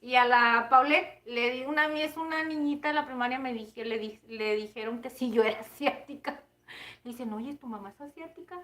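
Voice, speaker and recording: Mexican woman, 30s, cooking-stream host: casual, giggly, chatty, slightly high voice. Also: fairly even intonation, normal speed, fairly bright tone. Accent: Mexican Spanish. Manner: chatty and giggly, often calling viewers "chicos". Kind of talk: casual live chat with viewers.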